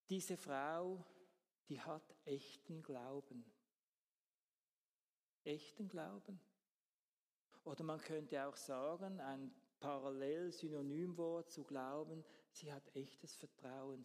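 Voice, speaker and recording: A man's voice: high-pitched, a little mellow, big-room sound. A man preaching a sermon as pastor, earnest, repeating key phrases for emphasis.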